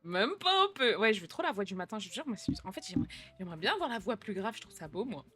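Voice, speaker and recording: A young woman streamer, talking in a relaxed, slangy way. She answers viewer messages and mixes reassurance with jokes. Soft music plays faintly behind her voice. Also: medium pitch, fast talker, slightly rough. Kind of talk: casual chat reading out viewer messages.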